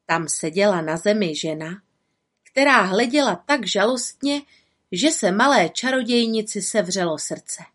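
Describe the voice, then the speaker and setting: A woman narrating a children's storybook in a calm, even reading manner. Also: medium pitch.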